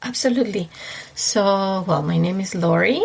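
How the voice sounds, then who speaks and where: A woman from Ecuador with an Ecuadorian Spanish accent, a native Spanish speaker, chatting as a podcast guest, slightly stuffy from allergies, warm and full of fillers and laughs. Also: medium pitch, moderate pace, gravelly, husky. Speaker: guest, wedding planner. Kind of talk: casual podcast interview.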